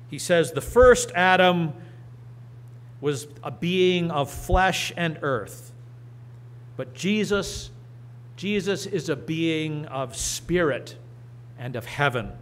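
A middle-aged man preaching and reading scripture from a church lectern, slow and deliberate with emphatic rises. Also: a little high. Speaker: pastor. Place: church sanctuary. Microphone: lectern microphone.

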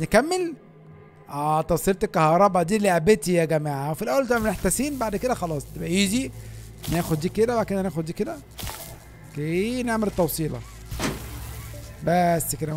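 A man with an Egyptian Arabic accent giving excitable, chatty gameplay commentary and talking straight to his viewers. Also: sits high. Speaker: gaming YouTuber.

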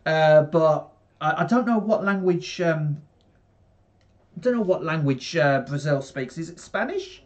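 Slow-talking young Englishman streaming a match. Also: a little high, expressive, lo-fi sound. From England. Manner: rambling, many fillers, talks slowly to viewers. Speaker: football watchalong streamer. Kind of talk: casual live match commentary to chat. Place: small bedroom. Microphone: headset.

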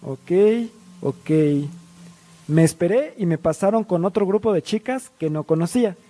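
A young man narrating an animated storytime in a lively, self-mocking way, acting out other people's lines. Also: high-pitched, brisk.

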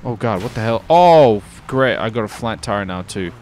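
Over slight background noise of game ambience and vehicles, a man with a lowish, expressive, darkish voice chats in character at a moderate pace. The roleplay video host keeps things casual and exclamatory, with some swearing.

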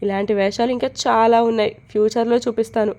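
A woman voicing a feisty, sharp-tongued young woman in a storybook reading, sassy and defiant. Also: fairly high pitch, little pitch movement, quick pace, natural voice.

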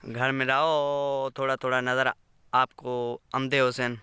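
A man with a Saraiki accent chats as he walks his fields and films on a phone. His voice is bright and very clear, and he keeps an even, level tone. The close sound is dry, with no room echo. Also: mid-range voice, slow pace. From Pakistan. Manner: rambling, chatty, keeps asking viewers to subscribe. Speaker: village vlogger. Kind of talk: casual walking vlog. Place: outdoors among farm fields. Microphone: phone camera.

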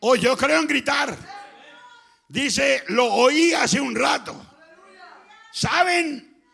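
Chilean male pastor, fervent shouting preacher, gravelly, high and bright. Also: lively intonation, very slow. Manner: fervent, often shouting, swings between loud and soft. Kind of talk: Pentecostal sermon. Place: church.

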